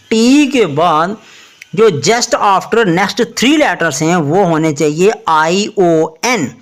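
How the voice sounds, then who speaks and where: A woman teaching English pronunciation in Hindi, spelling out letters slowly and asking the listener questions as she explains. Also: medium pitch. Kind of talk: explanatory lesson.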